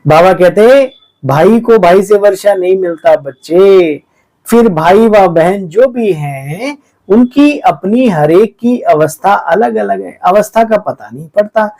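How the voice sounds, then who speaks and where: A man giving a lively spiritual sermon, exhorting his listeners and often calling them sweet children. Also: high-pitched, slow, rough recording. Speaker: spiritual teacher explaining the daily murli.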